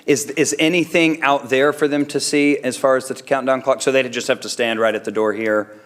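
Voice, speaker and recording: A man runs a public meeting in an informal, conversational way. His voice sits at a middle pitch, and he handles procedure in an accommodating manner. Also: fairly even intonation, a little fast, fairly bright tone. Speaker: council meeting chair. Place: indoor council chamber, dais microphone.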